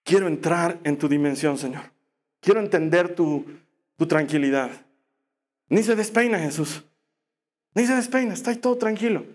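A man preaching a sermon, retelling a Bible story in an animated, storytelling way with slow, emphatic phrasing. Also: high voice.

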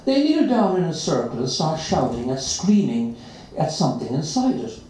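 A reader at a live event tells a children's story with a wildly swooping, dramatic delivery. The tone is mellow and dark. The voice comes from a distance in a very echoey room with faint noise behind. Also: mid-range voice, sing-song, normal speed. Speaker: reader at an open mic. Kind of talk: reading a children's story aloud.

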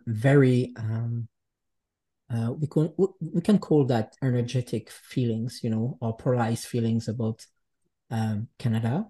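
A man from Switzerland, a guest artist talking reflectively in a casual conversation and often pausing to search for words. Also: medium pitch, mellow. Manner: reflective, searching for words, speaks English as a second language.

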